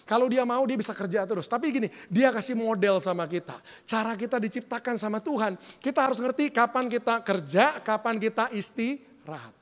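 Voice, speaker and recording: A male pastor preaching a sermon in an animated way, slipping English words into his talk and acting out the voices he quotes. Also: very high voice, brisk, in a large hall.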